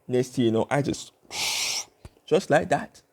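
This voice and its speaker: A young man talking to camera in a casual vlog, rambling with fillers and restarts as he tries to keep his speech slow. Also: mid-range voice, expressive. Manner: working to speak slowly and deliberately. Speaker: YouTube vlogger.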